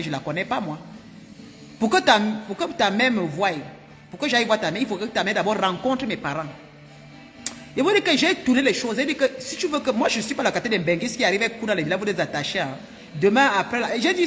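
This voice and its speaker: A woman from Cameroon, telling her viewers a personal story in an animated, emphatic way and repeating herself often. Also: medium pitch, in a large hall. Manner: animated and emphatic, with frequent repetitions. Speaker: vlogger.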